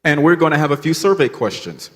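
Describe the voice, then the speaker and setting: A man's voice: a little high, animated, moderate pace, a bit bright. A man with an American accent, a native English speaker who keeps it when speaking Spanish, teaching an audience in short plain phrases. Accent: American, also heard when speaking Spanish. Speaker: visiting speaker teaching a church seminar. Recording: echoey hall, long reverb.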